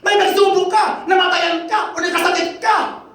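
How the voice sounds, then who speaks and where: A man preaching a sermon in Filipino, rousing and joking with the congregation, often shouting. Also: very high voice, steady tone, moderate pace. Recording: echoey hall, voice from a distance.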